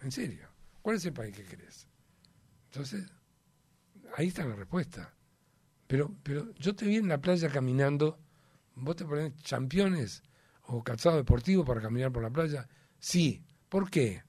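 A man's voice: mid-range voice, expressive, moderate pace, long pauses, darkish tone, slightly rough, no echo. A man with a Uruguayan Spanish accent, chatting as a guest in an emphatic, rambling way with many fillers. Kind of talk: casual chat.

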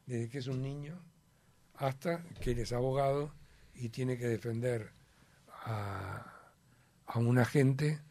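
A man's voice: medium pitch, slow, pauses often, warm tone, no room sound. Uruguayan man, emphatic rambling guest, dry close sound. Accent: Uruguayan Spanish. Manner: rambling, emphatic, many fillers. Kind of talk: casual chat.

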